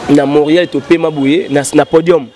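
Background noise accompanies a man in his thirties, a musician, in an animated storytelling interview at an outdoor studio set with a painted backdrop. His voice is a little high with fairly even intonation, and he shifts between French and Lingala in fast, rambling recollection, gesturing broadly, into the interviewer's handheld mic.

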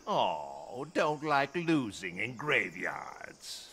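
An actor playing a gleeful, mocking villain clown with sadistic wit and a theatrical, teasing delivery in a video game. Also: male voice, fairly low pitch, sing-song, extremely slow, gravelly, pushed and bright, husky, full character voice. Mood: sly menace. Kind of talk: video game character dialogue.

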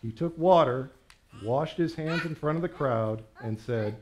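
A man giving a measured, reverent scripture reading in church. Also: on the high side, darkish tone, a little hiss or hum. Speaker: scripture reader.

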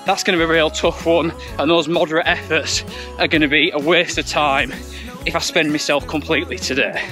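A man's voice: fairly high pitch, steady tone, brisk, music in the background. A young British man vlogging to camera outdoors as he talks while running. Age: young adult. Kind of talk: vlog talking to camera. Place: outdoors on a rural roadside path.

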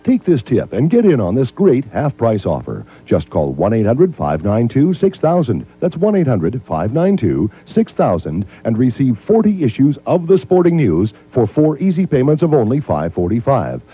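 A man giving an insistent home-shopping-host style sales pitch, repeating numbers and offers as a TV ad announcer. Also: huge pitch swings, moderate pace, husky, faint music behind. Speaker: direct-response TV ad announcer. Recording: dull lo-fi 1980s TV tape.

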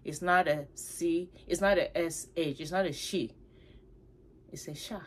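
A woman vlogging from her home, chatting casually to camera about her handbags in an animated, playful way. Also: fairly low pitch, unhurried. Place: her home, upstairs room.

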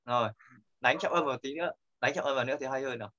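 A man's voice: mid-range voice, racing, sharp tone. A man teaching an online pronunciation class, patient and corrective, often repeating his points. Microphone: video call. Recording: dull lo-fi call audio.

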